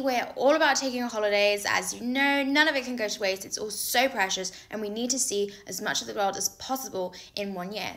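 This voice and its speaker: A young woman presenting a travel promotion, bubbly, playful and enthusiastic in an upbeat pitch. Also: a bit bright. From not Australia.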